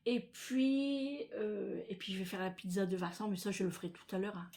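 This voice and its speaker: A middle-aged French woman vlogger chats straight to camera in a relaxed, rambling way, speaking at a moderate pace in a mid-range voice. Her talk drifts from one small aside to another, packed with fillers and restarts.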